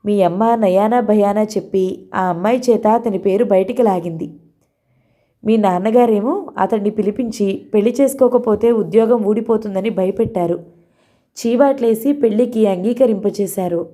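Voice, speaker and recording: A woman voicing a fond, sharp-tongued middle-aged mother in a read-aloud novel. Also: medium pitch, normal speed, natural voice. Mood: chiding.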